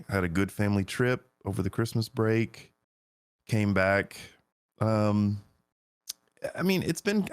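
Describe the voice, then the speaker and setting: A man with school-age kids co-hosting a cooking podcast, congested from a cold and talking in a relaxed, hesitant way. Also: fairly low pitch, clean tone, no echo. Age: adult with school-age kids. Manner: relaxed, hesitant with ums and restarts. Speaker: podcast co-host, home cook. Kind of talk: casual chat.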